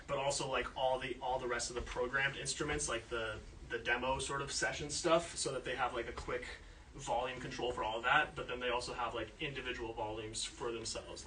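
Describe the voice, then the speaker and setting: Giving a casual tour of a recording studio, a male engineer explains things in a loose, rambling style packed with filler words. His mid-range voice is bright and forceful. The distant mic makes the sound roomy, with slight background noise.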